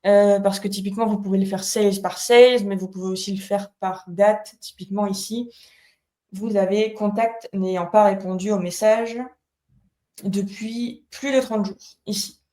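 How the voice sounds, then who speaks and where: Woman doing a live screen-share demo, mellow voice, lots of "euh", echoey room. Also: mid-range voice, fairly even intonation, moderate pace. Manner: explanatory, many fillers and restarts. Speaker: product co-founder demoing software in a webinar.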